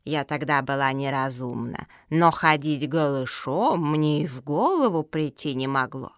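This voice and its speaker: A woman's voice: sits low, lively intonation, a little slow, dry recording, studio quality, voice pushed down. A woman voicing a grumpy old lady turtle. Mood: haughty. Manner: pompous, fretful, lecturing. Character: grumpy old female turtle scholar, fussy. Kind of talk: audiobook character reading.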